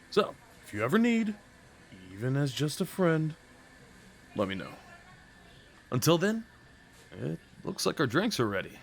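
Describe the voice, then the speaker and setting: In an intimate ASMR roleplay audio drama, a man plays a big, gentle guy on a first date, carrying a one-sided conversation. His mid-pitched voice swings widely up and down. He comes across as sweet and a little nervous, teasing playfully with boyish enthusiasm.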